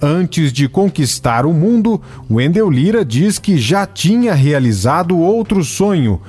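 A Brazilian man reads scripted documentary narration in a fairly high, lively voice. His delivery is slow and measured with dramatic pauses, set over soft music. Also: breathy edge. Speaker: TV report narrator.

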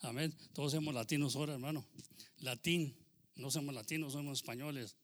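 A Mexican American pastor from the US delivers a fervent Spanish sermon with frequent amens and "hermano," English phrases mixed in, and a joking story. His medium-pitched voice is fairly bright and quick, with fairly even intonation.

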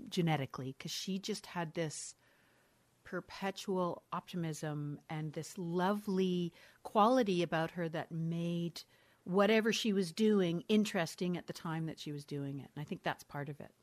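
A middle-aged mother of three, guesting in a reflective conversational interview, speaks candidly and thoughtfully, often restarting her sentences, correcting herself and laughing. Her voice is fairly low and a little mellow, at a moderate pace.

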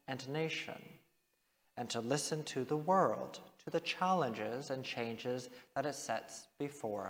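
A man speaking as a priest in a formal, measured liturgical delivery, his voice echoing long through a large church. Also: fairly high pitch, fairly bright tone. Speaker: priest reading the Gospel and preaching. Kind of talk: liturgical reading and parish address. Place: large reverberant church interior. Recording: long cathedral-like echo, large reverberant church.

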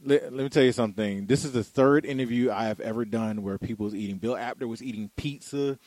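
A man's voice: medium pitch, quick pace, darkish tone, no echo, poor audio. A man hosting a casual interview, talking loosely with many fillers and restarts. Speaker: podcast interviewer.

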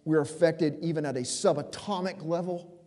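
A man preaching a sermon with passion, stressing words slowly and then rushing through quick asides. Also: on the high side, fairly even intonation, warm tone. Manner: impassioned, emphatic, swings between slow stresses and quick asides. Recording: long hall reverb.

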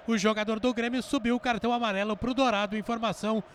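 A man reports live on a football match as a sideline reporter, in excited, emphatic, deliberate phrases. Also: high-pitched, a little hiss or hum.

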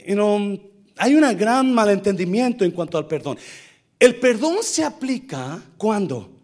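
Animated high-voiced male preacher. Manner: animated, acts out quoted speech in shifting voices; mixes in English fillers. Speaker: pastor. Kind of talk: sermon.

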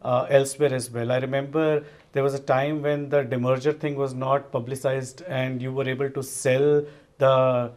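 A man chats as an interviewer. His pitch is average, and he sounds engaged, talking in a conversational way as he sums up and chimes in. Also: flat delivery, normal speed, a little mellow.

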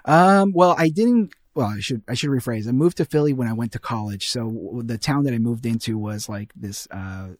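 A man's voice: medium pitch, moderate pace, hardly any pauses, darkish tone, no echo, studio quality. A young man from Ecuador, a guest in a casual podcast chat, talking in a rambling way with many fillers and restarts. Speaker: guest, animation artist.

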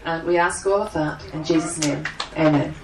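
A woman's voice: low voice, fairly even intonation, moderate pace. This is a woman giving a live interpreter voice, turning a signer's words into speech in real time. She speaks in the first person with small fillers and restarts. The recording is distant, with a faint hum of the room behind her. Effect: live interpreter voice, speaking aloud for a signer. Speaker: sign language interpreter. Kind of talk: live voicing of a signed church seminar. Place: large meeting room with an audience. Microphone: microphone at the front of the room.

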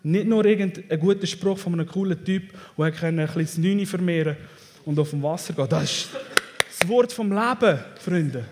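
A man preaching a sermon with a Swiss German accent, animated, swinging between loud declarations and hushed asides. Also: high voice, normal speed. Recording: long hall reverb.

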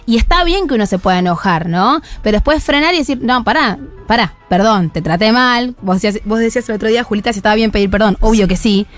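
A woman's voice: mid-range voice, rapid-fire, few pauses, soft background music. A woman with an Argentine accent, a parenting columnist talking things through in a radio studio and acting out phrases parents say. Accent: Argentine Spanish. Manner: explanatory, animated, acts out parent phrases.

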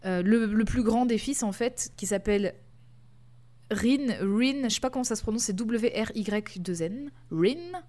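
A woman's voice: on the high side, moderate pace, warm tone. A woman co-hosting a casual chat, explaining a comic series with many fillers and restarts. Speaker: podcast co-host.

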